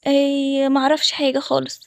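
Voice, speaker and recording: A woman's voice: high-pitched, completely flat delivery, fairly quick, creaky, no echo, clean studio sound. A woman with an Egyptian accent voicing a loyal, nervous young friend who asks worried, hesitant questions. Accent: Egyptian Arabic.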